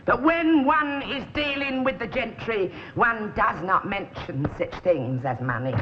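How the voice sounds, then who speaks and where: A woman's voice: mid-range voice, lively intonation, measured pace, natural voice. A woman playing a bossy English cafe landlady in a sitcom, putting on an imperious, affectedly plummy grand voice. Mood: gushing, grand. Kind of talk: British TV sitcom acting. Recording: noisy, muffled old TV sitcom recording.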